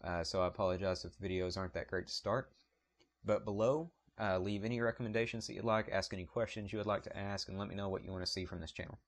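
A man with a thick Southern US drawl and a low voice talks casually to camera for his photography channel. He rambles a little, full of ums and apologies, and the sound comes through a small point-and-shoot camera mic. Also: fairly even intonation, fast.

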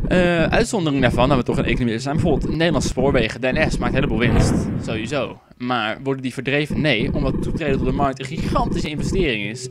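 A tipsy young man rambles through his gameplay commentary, swearing freely and jumping into squeaky outbursts. His voice sits at a middling pitch over a loud, constant background noise. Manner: rambling, goofy, swears a lot, sudden high-pitched outbursts. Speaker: gaming YouTuber.

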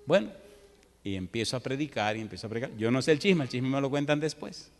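A man's voice: medium pitch, fast talker. A man from the preaching a sermon, telling stories vividly. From Dominican Republic. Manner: lively storytelling, acting out the people in his stories. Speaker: pastor. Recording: echoey hall.

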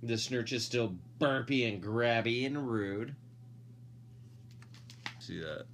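With slight noise in the background, a dad reads a picture book aloud slowly in a medium-pitched voice. His delivery is expressive, with emphasized words drawn out and playful, casual asides to those listening.

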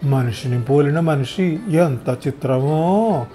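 A man's voice: on the high side, slow, dark tone, soft background music. A man voicing a talkative, meddling elderly mother in a wheelchair, fussing over everyone in a storybook reading. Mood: chatty.

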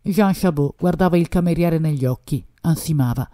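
A woman reading a novel aloud in a steady, measured narration. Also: deep voice. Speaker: audiobook reader. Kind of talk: literary narration.

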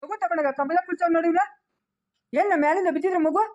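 A woman's voice: extremely high pitch, rapid-fire, dull audio. A woman playing a stern village elder who scolds the household, in a rural Chikkaballapur Kannada accent. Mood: lecturing. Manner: sharp, scolding. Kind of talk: village family skit.

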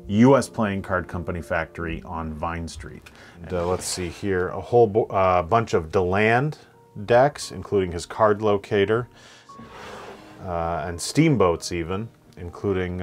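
A man narrating a guided tour through indoor museum rooms, measured and descriptive, with occasional hesitations. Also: fairly low pitch. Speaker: tour guide of a magic collection.

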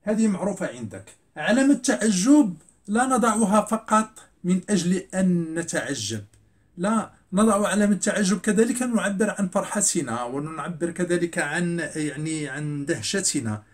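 A middle-aged man teaching a classroom grammar lesson, repeating words slowly and asking and answering his own questions. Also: high voice, animated. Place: classroom with a blackboard.

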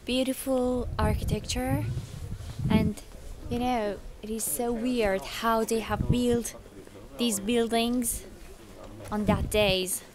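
Over a very noisy recording, an Iranian travel vlogger in her thirties speaks in a fairly high, fairly even voice, taking her time. She's not an English speaker, and her phrasing is nonnative as she chats curiously on a walking tour of ancient ruins outdoors, camera held at arm's length.

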